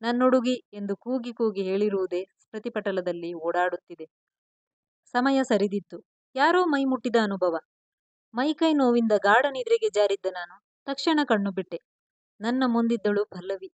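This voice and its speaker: A woman storyteller narrating a romance in the first person, gentle and emotional. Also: medium pitch, moderate pace, dry recording.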